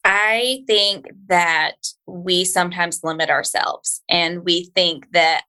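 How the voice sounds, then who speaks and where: A woman's voice: lowish voice, steady tone, takes it slowly, sharp tone, clear, resonant tone. A woman speaking as an interview guest on a podcast, in an informal, earnest and encouraging way. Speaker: podcast guest, school speech-language pathologist. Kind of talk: conversational interview.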